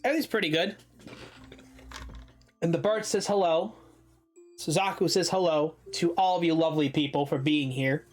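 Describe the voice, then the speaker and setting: A man's voice: a little high, steady tone, normal speed, long pauses, faint music behind. A man streaming, chatting casually and profanely with his viewers while he reads a story.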